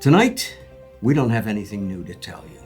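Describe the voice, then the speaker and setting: A man's voice: fairly low pitch, big pitch swings, a little fast, a little mellow, soft background music. A man playing a parody local news anchor, brash, cynical and bluntly sarcastic. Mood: mock-serious. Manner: blunt, sarcastic, foul-mouthed.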